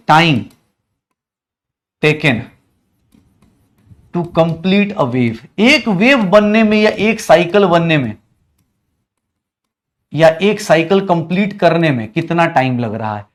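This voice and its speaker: A man's voice: high voice, animated, unhurried, fairly bright tone. A man giving an online chemistry lecture, mixing English terms into Hindi, calling students beta and bhaiya, and repeating each question to the class before he answers it. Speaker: chemistry teacher.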